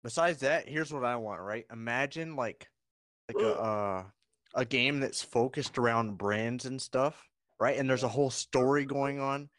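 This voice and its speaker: A man's voice: mid-range voice, unhurried, a bit bright, no echo. Laid-back male podcast co-host, rambling, dry close sound. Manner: laid-back, rambling, tags lines with "man". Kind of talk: casual podcast chat.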